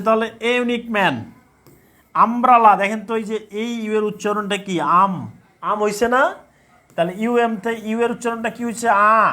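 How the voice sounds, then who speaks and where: A man's voice: high-pitched, a bit bright. A man teaching English grammar in a live online class, asking questions and repeating the answers to drill his students. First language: Bengali. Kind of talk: live online class, reading chat comments.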